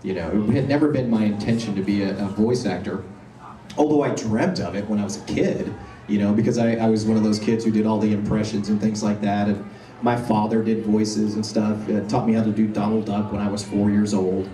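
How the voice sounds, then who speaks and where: A man answering fan questions at a convention panel, telling animated anecdotes and acting out the voices of people in his stories. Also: fairly low pitch, fairly quick, a little hiss or hum. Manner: animated anecdotal storytelling, acts out quoted voices. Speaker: convention panel guest voice actor. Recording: roomy hall, recorded from far off.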